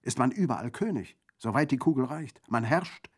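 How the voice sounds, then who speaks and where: A man's voice: mid-range voice, lively intonation, moderate pace, slightly rough, voice pushed up. A man voicing a scholarly former theologian turned bandit in a radio reading, florid and ironic. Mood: wry.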